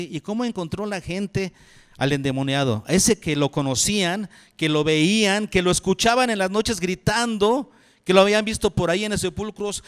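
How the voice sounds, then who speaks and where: A man preaching as pastor, asking questions and answering them himself, dropping low and soft on key phrases. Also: clear, resonant tone. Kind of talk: sermon. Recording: long hall reverb.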